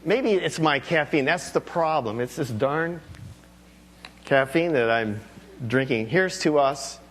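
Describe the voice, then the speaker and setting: A man's voice: on the high side, expressive, slow, a bit bright. A man preaching a sermon as pastor, talking candidly and rambling with self-deprecating asides.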